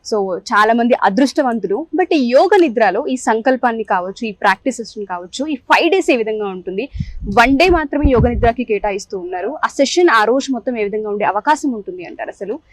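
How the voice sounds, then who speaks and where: Cheerful woman host asking questions outdoors, bit high voice, dry close sound. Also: animated, brisk, no echo, rough recording. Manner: cheerful, asks repeated questions. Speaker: interviewer host. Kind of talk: interview questions. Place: outdoors in nature.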